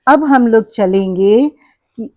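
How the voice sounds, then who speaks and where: A woman's voice: a little high, takes it slowly, mellow. A woman teacher explaining an exam-prep lesson step by step, asking the class questions, counting items aloud and correcting her own slips. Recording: dull lo-fi recording.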